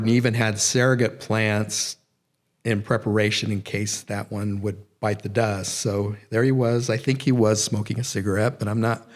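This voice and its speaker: A man's voice: fairly low pitch, a little mellow. A middle-aged man giving a public lecture, rambling and correcting himself, with many fillers. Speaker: guest lecturer. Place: nature center event room.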